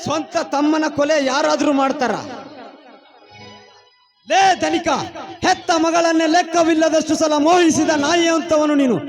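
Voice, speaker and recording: A man playing a righteous avenging younger brother in a stage drama, accusing in forceful declamation. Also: very high voice, flat delivery, moderate pace, pauses often. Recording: stage music behind.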